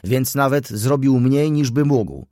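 A man voicing an anxious, loyal older male shopkeeper who protests in a low voice, in an audiobook reading. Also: slow, mellow, dry recording, studio quality, close to an everyday voice. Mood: protesting.

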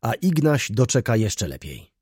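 A man voicing a calm, steadfast old father who speaks with quiet certainty. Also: medium pitch, measured pace, breathy edge, dry recording, studio quality.

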